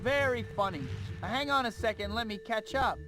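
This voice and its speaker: High-pitched, wisecracking young superhero. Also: male voice, moderate pace. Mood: easygoing. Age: young adult. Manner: quippy, boyish, self-deprecating. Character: wisecracking, good-natured young male superhero. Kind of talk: video game cutscene acting. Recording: loud music behind.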